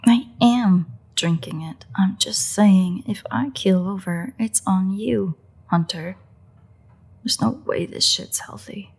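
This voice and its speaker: A woman plays a sardonic, crude female vampire who is teasing and grudging toward a hunter, delivering an intimate monologue to the listener in a roleplay audio drama. Her mid-range voice is husky, breathy, gravelly and darkish, and she speaks slowly. She sounds disgusted and grumbling, sarcastic and mocking, swearing with dry exasperation.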